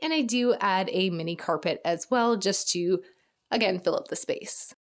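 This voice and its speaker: Casual young woman host, cheerful game-build voice-over, mid pitch, slightly tired voice. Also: moderate pace. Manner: chatty, upbeat, frequent small laughs. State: slightly losing her voice.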